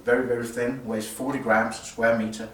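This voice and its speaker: In an indoor room at an audio show, a male designer unveils his loudspeaker, explaining it semi-technically and without a script. His delivery is flat and halting at a medium pitch. The recording is distant and roomy, with some faint background noise.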